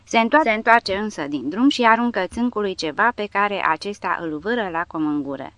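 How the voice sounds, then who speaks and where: A woman reading an audiobook aloud as scripted narration, lifting her voice for shouted lines. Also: mid-range voice, lively intonation, dry recording. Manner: reads dramatically, raising voice for shouted quotes.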